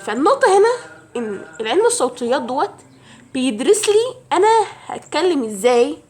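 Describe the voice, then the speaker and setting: A woman's voice: sits high, sing-song, brisk, darkish tone, faint music behind. A young woman with an Egyptian Arabic accent, giving chatty language-learning advice straight to her viewers as if to a friend. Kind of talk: casual advice vlog.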